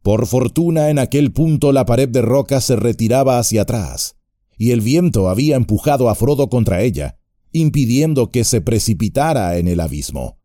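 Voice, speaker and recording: Male narrator, low voice, mellow tone, expressive, dry sound, measured pacing. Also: no echo. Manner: measured, dramatic pauses. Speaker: audiobook narrator. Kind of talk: scripted narration.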